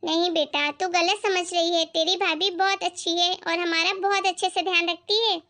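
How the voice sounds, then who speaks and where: A woman voicing a patient, doting older mother-in-law in an animated family skit, speaking in a soothing way. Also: very high-pitched, moderate pace. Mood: gentle. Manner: soothing, calming her angry daughter.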